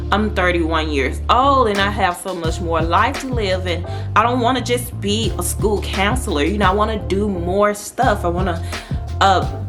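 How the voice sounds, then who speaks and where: A woman, talking casually to camera in a sit-down vlog, with plenty of fillers and restarts. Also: mid-range voice. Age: 30s. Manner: talkative, conversational, with frequent fillers and restarts. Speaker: vlogger. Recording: music playing in the background.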